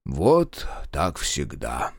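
Man doing a gruff old-school partisan chief, grumbly, plain, dry sound. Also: lowish voice, big pitch swings, moderate pace, a little mellow, no echo. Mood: grumbling.

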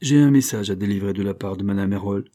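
A man's voice: fairly low pitch, mellow, no room sound, lightly acted. A man reading aloud, voicing a dry, cutting old English lawyer who speaks curtly, coldly and with measure. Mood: cool. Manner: curt, cold and measured.

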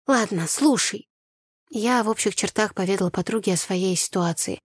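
A woman narrating a first-person novel in an even, storytelling delivery. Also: mid-range voice, fairly quick, no echo, studio quality. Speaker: audiobook narrator.

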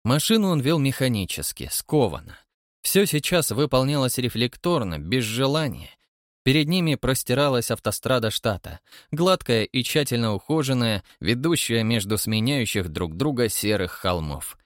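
A man reading an audiobook narration in an even, measured way. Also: medium pitch, dry recording, studio quality. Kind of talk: scripted narration.

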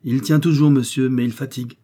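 A man's voice: mid-range voice, steady tone, a little fast, warm tone, slightly rough, voice pushed up, close to an everyday voice. A man voicing a blunt, grave semaphore keeper, a seasoned sailor watching a storm in a storybook reading.

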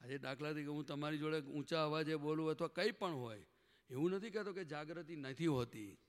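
A man with a slightly raised pitch delivers a spiritual sermon, repeatedly quizzing his listeners and urging them to reply. His voice carries a long reverb, as if from a big hall. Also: fairly quick. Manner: questions the audience and prods them to answer. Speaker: spiritual teacher. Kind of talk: satsang sermon to a gathering.

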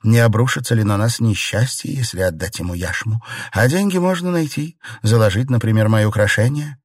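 A man voicing a calm, prudent young noblewoman who speaks in a measured, sensible way. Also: lowish voice, dry recording, studio quality, far from the mic.

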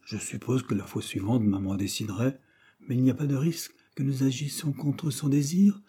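A man's voice: medium pitch, fairly even intonation, moderate pace, dark tone, slightly rough, close to an everyday voice. A man voicing an earnest, polite schoolboy who speaks eagerly and respectfully. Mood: sincere.

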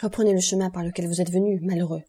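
A woman reading an audiobook voices a proud young woman, sharp and commanding. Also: on the low side, fairly even intonation, very fast, slightly rough.

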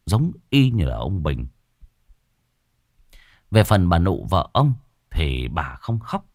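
A man's voice: deep voice, a little mellow, no room sound, studio quality. A man narrating a horror story in a vivid, theatrical, gory way.

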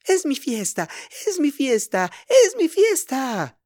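A man voicing an excited little girl on her birthday, with breathless, pleading exclamations. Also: sits high, a little fast, no echo, studio quality, pitched above the performer's own voice.

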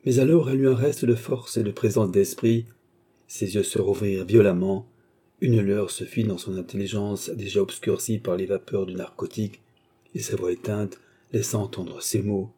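A man reading a novel aloud as narrator, dramatic and expressive. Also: lowish voice, moderate pace, breathy edge.

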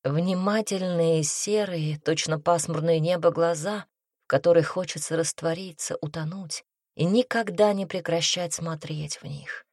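A woman narrating a first-person audiobook in an intimate, expressive manner, close to the mic. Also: fairly low pitch, measured pace, no room sound.

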